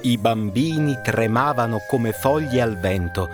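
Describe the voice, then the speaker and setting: A man narrating a fairy tale, expressive and dramatic. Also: mid-range voice, a little slow. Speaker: storyteller. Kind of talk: storybook narration. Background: background music.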